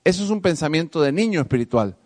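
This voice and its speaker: A male pastor preaching a sermon to his congregation, swinging from soft asides to loud emphasis and calling for responses. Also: on the high side, lively intonation, quick pace. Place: church hall with congregation. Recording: long hall reverb.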